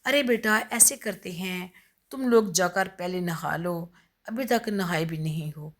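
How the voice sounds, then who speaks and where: A woman voicing a gentle, devout young mother who speaks softly and coaxingly. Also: on the low side, natural voice. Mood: tender. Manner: soft, pleading, coaxing.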